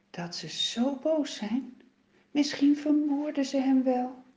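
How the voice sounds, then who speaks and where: A woman telling a children's Bible story in a slow, expressive way, with dramatic rises and falls. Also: high-pitched. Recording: roomy, dull lo-fi sound.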